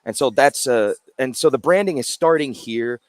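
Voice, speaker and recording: A man's voice: mid-range voice, moderate pace, no room sound. A man, a brewery co-founder, chatting casually as an interview guest and explaining his beers. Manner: explains while showing cans, loose and chatty. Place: brewery in a Japanese spa town.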